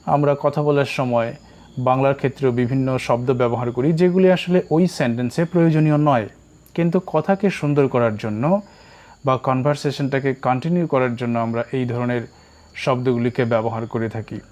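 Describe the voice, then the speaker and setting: A man with a Bengali accent teaching spoken English, repeating each English phrase slowly and deliberately. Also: medium pitch, darkish tone.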